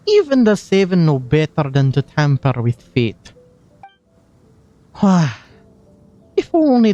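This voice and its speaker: A man's voice: fairly high pitch, mellow. A man doing a breezy Scottish bard. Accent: put-on Scottish. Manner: theatrical, playful, sing-song. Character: breezy young male bard in a game. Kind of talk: fan voicing of game dialogue.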